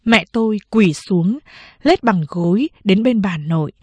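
A woman reading a novel aloud as a steady, measured audiobook narrator. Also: mid-range voice, breathy edge, no echo. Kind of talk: scripted narration.

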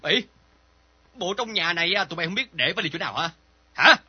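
Old male moneylender, greedy bully and coward: husky, high and jumpy, dull lo-fi recording. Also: animated, a little fast, no room sound. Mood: domineering. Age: older. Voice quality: husky, blustering. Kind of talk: radio drama acting. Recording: dull lo-fi recording with faint music.

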